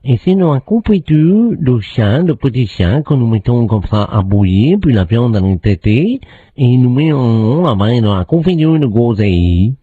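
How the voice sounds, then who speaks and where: A man's voice: medium pitch, very animated, a little slow, husky. A man playing a polite, brazen door-to-door peddler from Beijing, eagerly selling over a landline phone in a prank call. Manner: polite, eager sales patter with repetitions. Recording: muffled landline phone with hiss.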